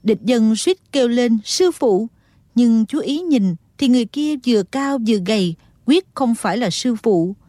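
A woman narrating a martial-arts novel in a steady, dramatic storytelling tone. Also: a little high, moderate pace, hardly any pauses, no echo. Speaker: audiobook narrator.

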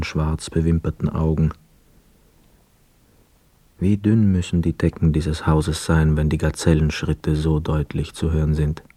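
In a radio play, a male actor with a rumbling low voice portrays a lonely, melancholy young soldier who has returned home. He speaks quietly, measured and husky, often narrating in the first person, and the recording is dry.

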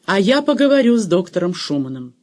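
A man's voice: sits high, sing-song, a little fast, a little mellow, pitched above the performer's own voice. A male reader does a busybody husband, nosy but worn out by his wife's nagging. The voice sits somewhat above the narration. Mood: exasperated. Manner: busybody, exasperated. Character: meddlesome, weary middle-aged husband.

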